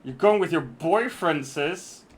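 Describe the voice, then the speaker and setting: A man's voice: a little high, animated, measured pace, noisy background. A man streaming a co-op game with friends, joking, swearing and cheering his teammates on. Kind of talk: casual gaming chat with friends.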